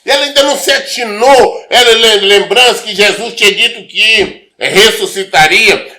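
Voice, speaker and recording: High-voiced pastor guy explaining scripture, chatty, lots of fillers and rhetorical questions. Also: bright, forceful tone. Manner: loose and conversational, acting out everyday dialogue. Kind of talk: Bible teaching.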